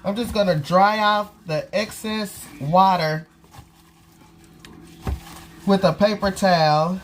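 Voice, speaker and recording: While cooking at home, a vlogger with a cold-thickened, nasal voice chats easily with viewers. She talks slowly at a mid-range pitch, and there's a bit of background noise.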